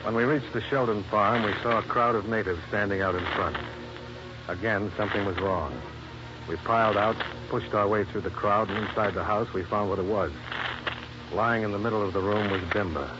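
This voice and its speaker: Over music, a man with a fairly low pitch and fairly even intonation speaks at a moderate pace, lightly acting as a tough, wry American insurance investigator in a 1950s radio detective drama. He is dry, confident, resolute and matter-of-fact. It's a noisy, band-limited old radio recording with the highs cut off.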